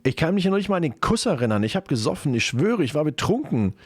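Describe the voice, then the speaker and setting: A man's voice: sing-song, husky, no room sound, clean studio sound. A man voicing a panicky young boyfriend who stammers and pleads in a raised voice. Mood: pleading. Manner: high-pitched, fast, stammering pleading.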